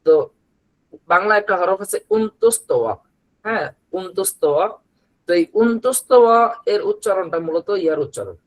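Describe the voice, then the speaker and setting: A man with a Bangladeshi Bengali accent teaching the Arabic letters as a Quran teacher, patiently repeating each sound in long, drawn-out recitation. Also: high voice, sing-song, poor audio. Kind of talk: slow letter-by-letter recitation lesson.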